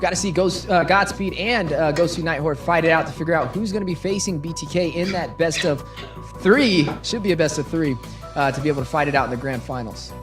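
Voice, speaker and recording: A man's voice: a little high, fairly quick, over music. A man explaining the tournament bracket as an esports caster, with some "uh" fillers. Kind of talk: bracket rundown commentary.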